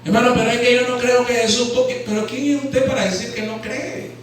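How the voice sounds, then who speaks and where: A Nicaraguan man preaches in a high, carrying voice, often turning to ask his congregation questions. His voice rings through a very echoey hall and is picked up from some distance off the mic. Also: fairly even intonation, a little fast, a little hiss or hum. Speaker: pastor. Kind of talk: sermon. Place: church hall.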